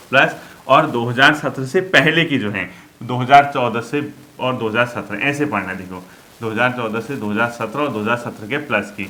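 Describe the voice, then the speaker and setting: A man's voice: medium pitch, pushed and bright. A young man teaching an exam-prep lesson casually, repeating key points with emphasis and mixing in English terms.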